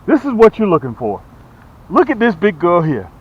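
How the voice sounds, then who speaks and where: With wildly swooping pitch that sits high, a slightly rough man speaks at a moderate pace, the highs cut off in the recording. He hosts an outdoor fishing show, exclaiming and repeating for emphasis as he demonstrates and sells tackle.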